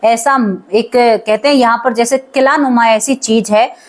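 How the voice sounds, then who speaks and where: A woman's voice: fairly high pitch, steady tone, a little slow. A woman telling a horror story aloud in a conversational way, talking directly to her listeners as friends.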